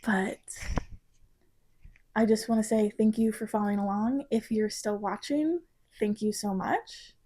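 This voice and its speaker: A woman in her twenties, a design student from Missouri, talking about her project in a reflective vlog, halting and emotional at times. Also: mid-range voice, warm tone, slight background noise.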